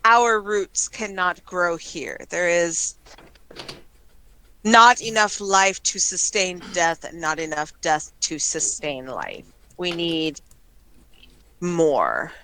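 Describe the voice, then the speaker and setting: Woman voicing a slow, ominous sentient plant. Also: lowish voice, expressive, sharp tone, heavily acted, low-quality recording. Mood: ominous, hungry. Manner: slow, solemn, measured speech.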